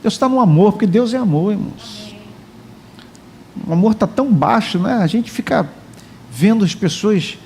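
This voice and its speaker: A man's voice: high-pitched, expressive, moderate pace, vocal fry, pauses often, a little mellow, slight background noise. A man preaching a sermon as pastor in a church, joking and chatting with the congregation. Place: church hall.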